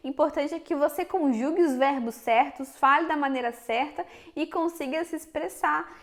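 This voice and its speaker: Talking casually to camera at a normal speed, this young woman has a high-pitched voice and a Minas Gerais accent from Brazil. She's a vlogger addressing her viewers in a frank, direct way.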